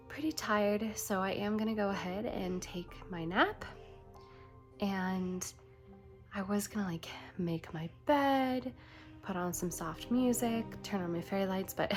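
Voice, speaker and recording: A young woman vlogger, nasal and stuffed up from a cold, chats softly in a casual diary-style vlog, laughing between phrases. Her pitch is fairly low.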